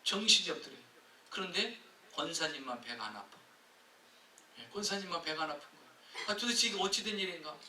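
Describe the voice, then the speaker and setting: A male pastor preaching a sermon, telling a story in a lively way and acting out the people in it, heard in an echoey church hall from a distance. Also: fairly high pitch, brisk, pauses often, slight background noise.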